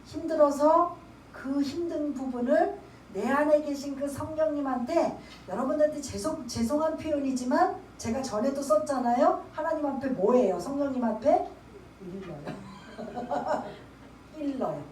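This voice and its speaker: A woman's voice: high-pitched, normal speed, a little mellow, slight background noise. A woman pastor gives a conversational sermon. She asks the congregation questions and acts out her own tearful prayers. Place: church sanctuary. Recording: echoey church, from far off.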